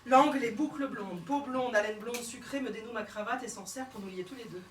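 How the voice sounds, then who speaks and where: A woman comedian performing a one-woman stage show, telling her story theatrically and swinging between hushed and shouted lines. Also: a little high, brisk, noisy background. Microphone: fixed camera from the hall. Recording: roomy hall sound from far off.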